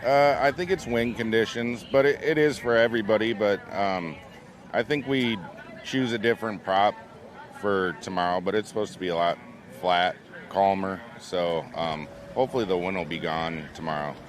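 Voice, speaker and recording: A crewman giving halting, understated answers in an informal outdoor interview. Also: on the low side, steady tone. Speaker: race team crew member being interviewed. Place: outdoors in the wind with race crews.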